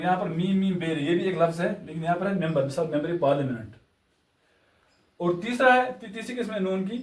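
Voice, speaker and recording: A high-voiced male teacher walks through a lesson with patient, deliberate explanations, pausing to repeat each example slowly. His voice sounds distant and echoey, as if recorded in a reverberant classroom. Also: darkish tone. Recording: echoey room, voice far from mic.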